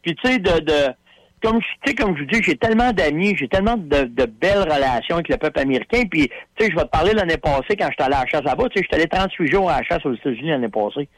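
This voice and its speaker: On a radio show, a man with a Quebec French accent swaps stories in folksy slang, packing his talk with fillers. His voice is fairly high and rapid-fire, and the recording is dry and rough. He's an animated storyteller.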